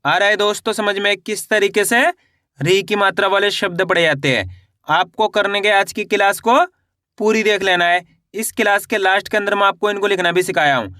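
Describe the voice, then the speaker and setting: A man teaching beginners to read Hindi words, sounding out each syllable slowly and asking how to read them. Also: sits high, sharp tone, no echo, clean studio sound. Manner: slow, syllable-by-syllable drilling with repeated questions.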